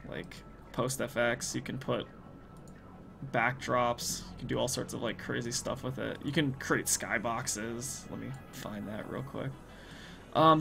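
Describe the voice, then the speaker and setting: A man's voice: mid-range voice, gravelly, fairly bright tone. A man streaming casually, rambling and thinking aloud as he works, laughing often. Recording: music playing behind.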